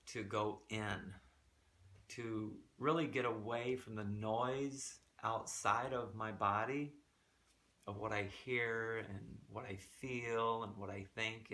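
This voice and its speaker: A man talking softly and earnestly in a reflective personal vlog, recorded in a small quiet room. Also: lowish voice, vocal fry. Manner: soft, unhurried, earnest. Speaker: vlogger.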